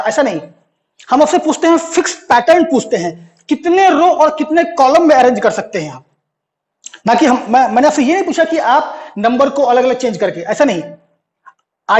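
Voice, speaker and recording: A young man teaching maths in a classroom lecture. He explains slowly, asking questions and answering them himself. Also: very high-pitched. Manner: slow, explanatory, asks and answers his own questions.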